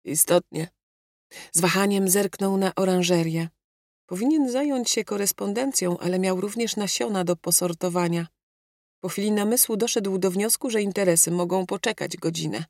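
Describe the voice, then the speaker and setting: A woman narrating an audiobook in a measured, reflective way, close to a studio mic. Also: mid-range voice, a little mellow, dry recording. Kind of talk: scripted narration.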